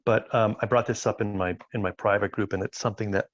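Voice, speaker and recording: A man sharing his thoughts in a group discussion, hesitant and halting, with many restarts. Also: lowish voice, fairly even intonation, dry recording. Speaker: conference participant. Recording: dull lo-fi online call audio.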